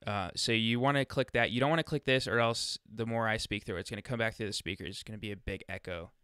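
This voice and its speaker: Speaking fast in a clear, fairly low voice, a man leads listeners through software steps in a relaxed, chatty screen-recorded tutorial, reasoning aloud as he goes. He sits right by a USB microphone, so the sound is close and dry with no room sound.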